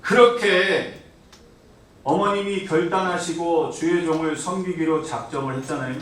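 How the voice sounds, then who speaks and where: A male pastor delivering a sermon with lively storytelling, often checking in with the congregation. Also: a little high, far from the mic, slight background noise. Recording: echoey church hall from afar.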